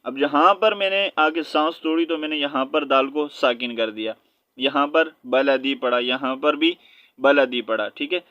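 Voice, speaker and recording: A man teaching Quran recitation letter by letter. He patiently checks in with his listeners and chants the verses slowly. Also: mid-range voice, no echo, lo-fi sound. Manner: patient, checks in with "okay?" after each point; slow drawn-out chanting of verses. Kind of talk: spelled-out recitation lesson.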